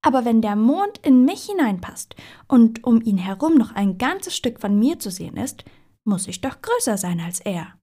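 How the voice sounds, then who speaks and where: A woman voicing a proud, boastful female puddle in a storybook reading, with a shrill, self-important voice. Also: big pitch swings, moderate pace, dark tone.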